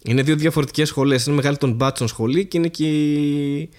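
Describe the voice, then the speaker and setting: A man's voice: fairly high pitch, a little mellow. A man co-hosting a podcast, talking in a laid-back, wry, hesitant way. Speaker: podcast co-host. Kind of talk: casual chat.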